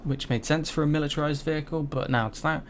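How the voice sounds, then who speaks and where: A man's voice: a little high, steady tone, fast, a little hiss or hum. A man giving casual, rambling gameplay commentary, swearing now and then as he gets mildly frustrated. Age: 20s. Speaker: gaming YouTuber.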